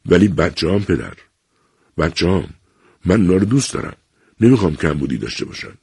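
A man's voice: sits low, very animated, vocal fry, a little mellow, slightly rough, no room sound, studio quality, heavily acted. A man reading a novel aloud, voicing a middle-aged son who pleads emotionally and self-pityingly with his father. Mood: pleading.

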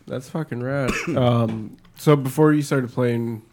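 A man's voice: medium pitch, takes it slowly, background noise. A man in his late twenties interviewing a band, casual and enthusiastic, swearing freely. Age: late 20s.

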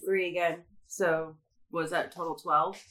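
A woman with a lowish but bright voice plays a tabletop roleplaying game. She is matter-of-fact, adding up her dice rolls aloud as she goes. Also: little pitch movement, measured pace, rough recording. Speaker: player. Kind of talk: casual tabletop game play.

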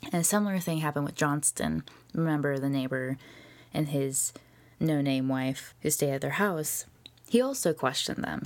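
A woman hosting a podcast, telling a history story in a casual, jokey way with swearing and quick whispered asides. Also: extremely low pitch, darkish tone. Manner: chatty with frequent fillers and whispered asides. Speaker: podcast host.

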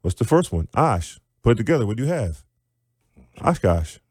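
Male teacher-author guest, animated explainer, low warm voice, dry close sound. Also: racing, breathy edge, dry recording. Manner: animated, demonstrates sounds aloud.

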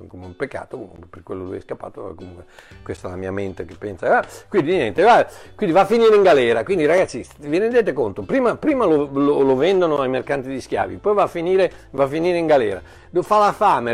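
A man preaching a sermon in an animated way, often repeating and restarting words, with jokey asides. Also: fairly high pitch.

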